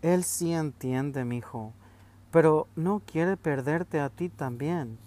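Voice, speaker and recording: Brief: man reading as a tender, pleading mother in a storybook, slow and soft, raised pitch. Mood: gentle consoling. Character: gentle pleading mother, tearful and caring.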